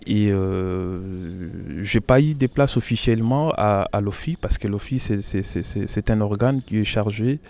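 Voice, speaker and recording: A man's voice: lowish voice, unhurried, few pauses, a little mellow. A young man from Congo telling his story in a radio interview, hesitant with many fillers and repeated words. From Congo (Kinshasa). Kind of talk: radio interview, personal testimony.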